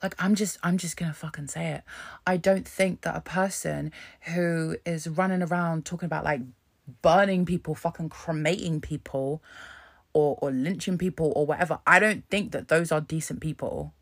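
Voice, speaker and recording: A woman's voice: deep voice, steady tone, normal speed, creaky. A woman hosting a casual solo podcast, talking frankly and swearing a lot as she rambles. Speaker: podcast host.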